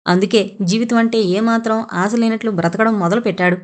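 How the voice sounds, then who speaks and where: A woman's voice: mid-range voice, steady tone, fairly quick, lightly acted. A woman reading an audio novel, voicing a young man holding back tears over his brother. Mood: grieving. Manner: sorrowful, restrained.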